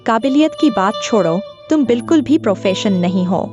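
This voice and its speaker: A woman's voice: a little high, expressive, fairly quick, muffled recording, close to an everyday voice. A woman dubbing a stern senior colleague who leads a team, scolding and professional. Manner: scolding, crisp. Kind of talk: Hindi dub of a TV drama. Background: music.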